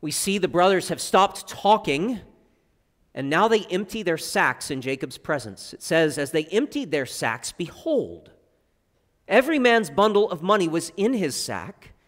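A male pastor preaching a sermon, with expressive swings from loud emphasis to quiet, low asides. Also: a little slow. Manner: expressive preaching with wide swings in pitch and loudness. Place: church sanctuary. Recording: long church reverb.

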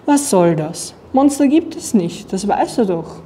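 Young woman playing a strict mother, stern, mellow voice, storybook reading. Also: mid-range voice, flat delivery, a little fast, in a large hall, a little hiss or hum, lightly acted.

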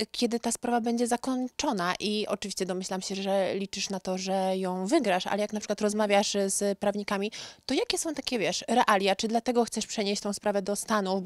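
A woman's voice: medium pitch, dry recording. A young woman reporter asking friendly, winding questions on a studio sofa into a handheld mic. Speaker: interviewer, entertainment reporter. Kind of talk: showbiz interview questions. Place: indoor studio set on a sofa.

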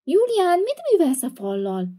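A bratty little girl, voiced by a woman in a toy-figure video. She squeaks in a very high, shrill voice that jumps about in pitch. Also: huge pitch swings, warm tone, heavily acted.

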